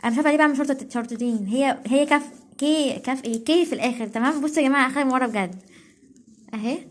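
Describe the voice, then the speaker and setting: A woman's voice: sits high, racing. A young woman with an Egyptian Arabic accent giving casual study tips as a tutor while writing, checking in with "okay?" constantly and correcting herself as she goes.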